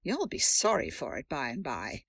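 A woman's voice: deep voice, wildly swooping pitch, moderate pace, fairly bright tone, breathy edge, no echo, clean studio sound, exaggerated voice. A woman playing a stern, imperious elderly rich aunt who scolds her niece, in an audio drama. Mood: scolding. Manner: haughty, scolding. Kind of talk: radio drama acting.

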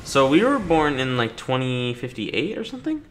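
A gaming video host with a medium-pitched voice, wide pitch swings, and a moderate pace jokes casually through a playthrough, reacting to characters and reading captions aloud. Game music and sound play behind him, with a little hiss or hum on the recording.

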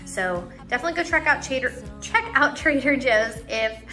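A woman's voice: high voice, expressive, normal speed, bright, forceful tone. Chatty young woman over background music. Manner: chatty, many "like" and "um" fillers. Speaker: lifestyle vlogger. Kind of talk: casual voice-over chat.

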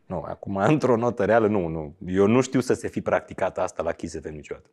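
A man's voice: low-pitched, animated. A man in his thirties, a radio host and comedian, chatting as an interview guest in a joking, sarcastic way. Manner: joking and sarcastic, breaks into loud mock quotes. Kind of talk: casual interview chat.

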